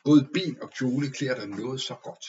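Guy reading the part of a sweet young woman, soft and a little teasing, said quietly, dull lo-fi audio. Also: mid-range voice, slight background noise, close to an everyday voice.

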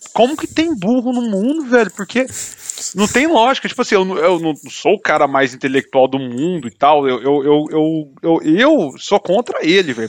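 A man's voice: fairly high pitch, no echo. A man in casual podcast chat, talking in a heated, indignant way and filling his speech with slang.

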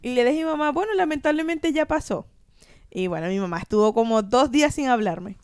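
A woman tells a story in casual chat and acts out each quoted line. Her voice is clear and slightly high. It is recorded close and dry. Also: animated, fast, a little mellow, no echo. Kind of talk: casual storytelling among friends.

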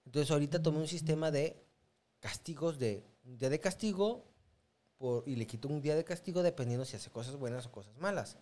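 A man's voice: fairly high pitch, fairly quick, warm tone. A man with a Mexican accent in casual chat, explaining how he disciplines his son. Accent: Mexican Spanish. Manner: lecturing tone about consequences. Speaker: father.

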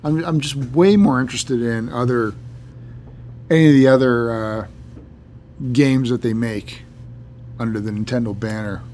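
A man with a mid-pitched voice banters casually on a podcast. He talks in a halting, deadpan way, with a faint laptop fan hum behind him. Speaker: podcast co-host. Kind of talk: casual banter between friends. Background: loud computer fan.

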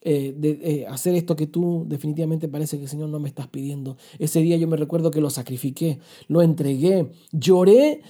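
Brief: male podcast preacher, very dark mellow tone, earnest and confessional. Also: on the high side, a little fast, few pauses. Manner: earnest, confessional, rhetorical questions. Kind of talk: podcast sermon with listener questions.

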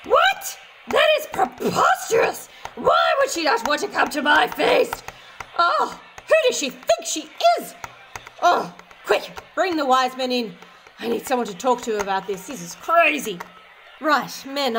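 A woman voicing a pompous, hot-tempered male king in a storybook reading, blustering and shouting. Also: sits high, lively intonation, normal speed, soft background music, pitched above the performer's own voice. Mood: demanding.

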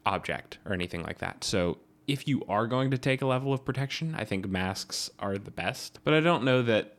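Male podcast co-host, lowish voice, measured, wry, thoughtful, casual talk. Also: expressive, fairly bright tone.

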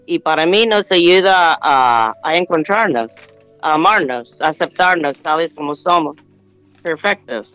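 A middle-aged woman with an American accent and English as her first language, a guest on a remote call who speaks in a calm, unhurried way and slips in English words. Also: low-pitched, clean tone, faint music behind, poor audio. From United States. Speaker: guest astrologer and yoga teacher. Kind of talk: remote interview over a call.

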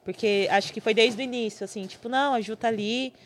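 A Brazilian woman guest chatting casually on a podcast, lively and laughing often as she talks in quick bursts. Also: a little high, a little hiss or hum. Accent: Brazilian Portuguese. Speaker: podcast guest, TV stage assistant. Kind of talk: casual chat.

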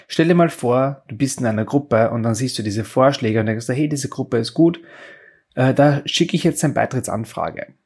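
A man's voice: medium pitch, a little mellow, slightly rough. A man hosting a solo podcast, explaining step by step in a casual way, posing rhetorical questions and often restarting his sentences. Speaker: podcast host.

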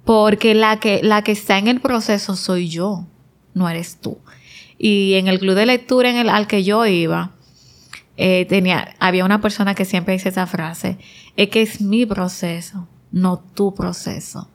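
A woman's voice: mid-range voice, steady tone, unhurried. A woman guest on a podcast interview, talking earnestly and reflectively, driving points home with repeated short phrases.

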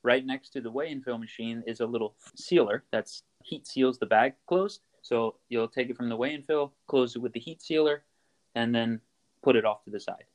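A man's voice: medium pitch, moderate pace. A man being interviewed as a guest about his work roasting coffee, explaining the steps plainly with frequent fillers and restarts. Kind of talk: casual interview chat.

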